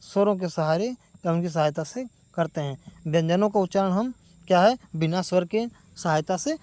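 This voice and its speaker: A man teaching a grammar lesson for exam preparation, asking questions and answering them himself, stretching sounds out slowly. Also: high-pitched, a little mellow. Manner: stretches sounds out slowly when demonstrating vowels.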